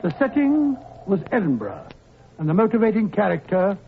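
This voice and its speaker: An actor playing Doctor Watson, an older gentleman who tells stories heartily, in a 1940s radio drama. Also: high voice, wildly swooping pitch, normal speed, gravelly, heavily acted. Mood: grand. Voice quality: hearty, declamatory storytelling. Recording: tinny 1940s radio broadcast with hiss.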